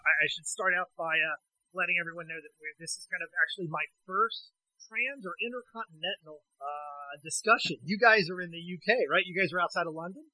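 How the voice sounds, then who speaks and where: A male podcast host talks through a thin, tinny line that sounds like a tin can or a weak cell phone signal. His pitch sits a bit high for a man, and he rambles along in a friendly, apologetic way while asking his guests questions. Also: a little fast, bright, forceful tone. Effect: thin tin-can sound like a bad cell phone line. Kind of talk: casual interview questions. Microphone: remote call connection.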